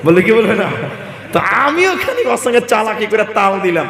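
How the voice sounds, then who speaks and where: Preacher from Assam, echoing hall. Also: male voice, high-pitched, big pitch swings, brisk, fairly bright tone. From Assam, India. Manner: joking, rhetorical questions to the crowd. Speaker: Islamic preacher. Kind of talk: humorous sermon storytelling. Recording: echoey hall with long reverb.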